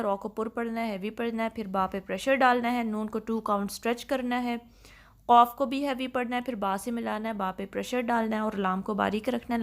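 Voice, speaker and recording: Patient woman teaching recitation. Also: a little high. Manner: patient, instructive, mixes English terms into Urdu. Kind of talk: step-by-step tajweed lesson.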